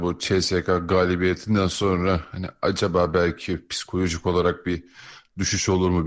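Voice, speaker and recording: Very low-voiced man analysing sport. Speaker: podcast co-host and basketball commentator.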